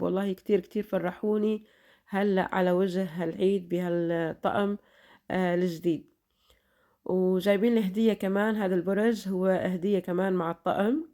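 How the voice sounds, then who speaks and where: A woman's voice: mid-range voice, mellow. A middle-aged woman with a Levantine Arabic accent chatting to her followers in a vlog, her voice still tired after an illness, chatty and full of blessings. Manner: chatty, repeats blessings and fillers. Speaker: vlogger. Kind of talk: casual chat to followers.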